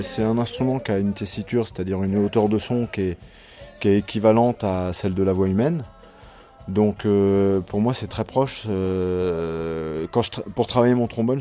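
A man's voice: on the low side, warm tone. A man who plays trombone explains his craft thoughtfully in a documentary interview.

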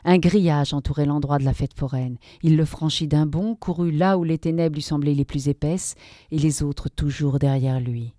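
Low-voiced woman reading a dark story. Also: dry recording, clean studio sound. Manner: measured dramatic storytelling. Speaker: narrator.

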